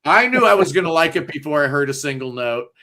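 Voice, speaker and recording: A man's voice: a little high, expressive, quick pace, pushed and bright, slight background noise. A man hosting a casual podcast panel, talking enthusiastically and jokily with lots of fillers. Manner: enthusiastic, jokey, loose with fillers. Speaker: podcast host.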